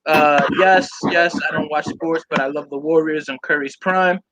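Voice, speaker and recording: Man hosting a live stream, bright voice, fairly high pitch, loose and joking. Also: fairly even intonation, moderate pace, poor audio. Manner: loose and joking, reading out chat comments. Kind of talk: casual live-stream chat.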